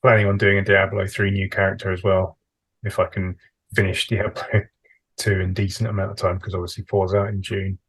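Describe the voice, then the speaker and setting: Podcast co-host: British guy with a low, slightly raspy voice, dry understated humour. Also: flat delivery, normal speed, fairly bright tone. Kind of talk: casual chat.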